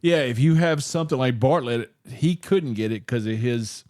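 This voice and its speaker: Joking podcast co-host, loose talk. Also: male voice, mid-range voice, normal speed, a little mellow. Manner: loose and joking, with laughs and swearing. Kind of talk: casual chat. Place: podcast studio.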